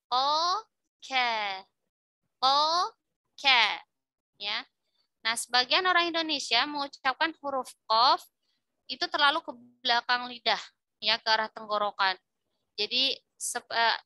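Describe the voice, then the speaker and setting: A middle-aged woman teaching Quran recitation in an online lesson, patiently repeating syllables for her students to copy, with pauses and self-corrections. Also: sits high, pushed and bright, no room sound. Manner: halting, with fillers and self-corrections.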